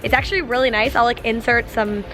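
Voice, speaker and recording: A bubbly young woman in her twenties chats to camera as a travel vlogger, her voice sitting fairly high. She talks in quick, excited bursts, and music plays underneath. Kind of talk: casual vlog chat. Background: background music.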